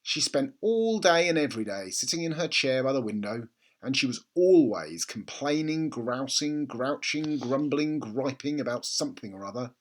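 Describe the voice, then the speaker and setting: Animated man reading a children's story. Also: medium pitch, normal speed. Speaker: storybook reader. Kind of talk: expressive children's book narration.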